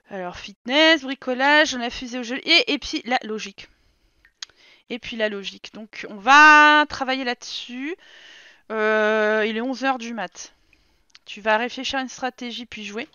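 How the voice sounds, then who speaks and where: A woman's voice: a little high, pushed and bright, smooth, dry recording, highs cut off. A young woman casually commenting while she streams a life-sim game, chatty and scolding her game characters in mock outrage.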